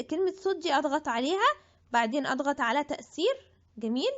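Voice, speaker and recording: A woman's voice: high-pitched, fairly bright tone. A woman with an Egyptian Arabic accent giving a chatty app tutorial, thinking aloud and restarting her words. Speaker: tutorial presenter. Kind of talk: screen-recorded app tutorial. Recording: dull lo-fi audio.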